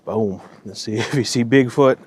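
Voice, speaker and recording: Out on a night walk, a man vlogs casually, rambling and cursing now and then in a slight Minnesotan accent. His voice is medium-pitched and darkish, at a normal speed, with a little background noise.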